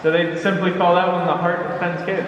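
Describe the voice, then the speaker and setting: A man with a fairly high voice guides a boat tour in an easygoing, explanatory way. His words ring with long cave echo, caught by a distant mic over clear background noise. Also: flat delivery, a little fast, highs cut off. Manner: casual, chuckling, explanatory. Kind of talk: informal guided tour commentary. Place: inside a water-filled cave on a tour boat. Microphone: vlogger's camera, away from the speaker.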